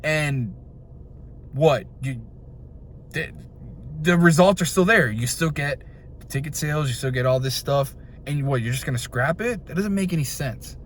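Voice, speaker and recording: A young man ranting into his own channel's camera, frustrated and animated. His voice sits a little higher than most men's. He jumps from one point to the next as he vents. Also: unhurried, long pauses, a little hiss or hum. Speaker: video host. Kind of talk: ranting opinion video.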